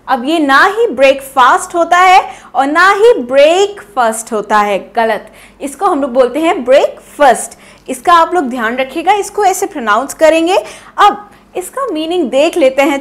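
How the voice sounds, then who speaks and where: High-voiced woman teaching English pronunciation. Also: a bit bright. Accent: Indian English. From India. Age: young adult. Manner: playful, chatty teaching with rhetorical questions. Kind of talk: online English lesson in Hindi and English.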